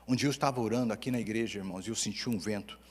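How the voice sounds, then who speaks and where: A middle-aged man with a Brazilian accent preaching a sermon as pastor, telling stories with humor and swinging between loud and hushed delivery. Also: lowish voice, racing, long reverb tail, a little hiss or hum. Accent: Brazilian Portuguese. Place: church hall.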